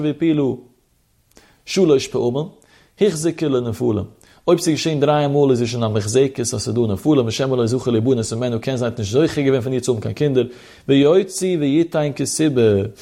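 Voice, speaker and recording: A man giving a traditional religious text lesson, reading passages aloud and explaining them in a sing-song lilt, with a gravelly voice. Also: mid-range voice, brisk, dark tone. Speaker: religious teacher.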